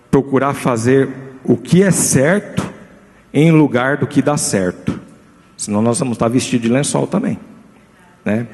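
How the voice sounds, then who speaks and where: A man who is a pastor with a Brazilian Portuguese accent, preaching a lively sermon and putting many questions to his congregation. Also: medium pitch, gravelly. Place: church hall. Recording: live church recording with long reverb.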